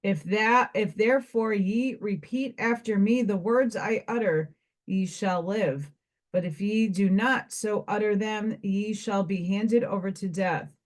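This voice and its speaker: Slow calm life spirit with scales, a woman reading it, measured and ceremonial. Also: medium pitch, lightly acted. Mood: solemn. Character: merciful male spirit of life weighing mortals.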